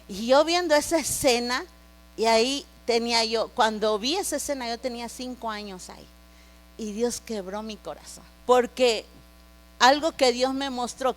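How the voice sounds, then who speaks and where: A middle-aged woman pastor preaching a sermon, telling a personal testimony with rising emotion and speaking straight to the congregation. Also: a little high. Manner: emotional, grows louder and more intense. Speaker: pastor and prophet. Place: church.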